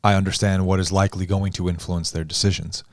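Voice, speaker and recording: Deep-voiced man, slow and deliberate. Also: flat delivery, no room sound, clean studio sound. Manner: measured, thoughtful, deliberate phrasing. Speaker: coach. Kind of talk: podcast conversation.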